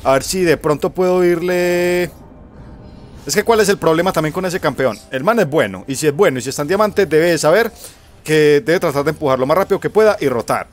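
A Colombian man narrating his own match in a loose, cursing, chatty way, muttering at the enemy and at himself. His voice sits a little high for a man. Soft music plays faintly underneath. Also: animated, a little fast. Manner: casual, profane, talks to himself and his opponent. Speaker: gamer. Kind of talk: gameplay commentary.

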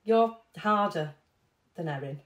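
A woman's voice: on the low side, animated, takes it slowly, echoey room. A middle-aged woman playing a chatty, doting mother in a comedy short, speaking over a video call. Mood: fussing. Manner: chatty, fussing, homely. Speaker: mother of the bride. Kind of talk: comedy short film acting.

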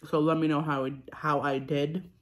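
A woman's voice: sits low, little pitch movement, normal speed. A young woman vlogger chatting casually between bites of food, rambling with ums and restarts. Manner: talks between bites, chewing and sipping. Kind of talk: casual mukbang chat while eating.

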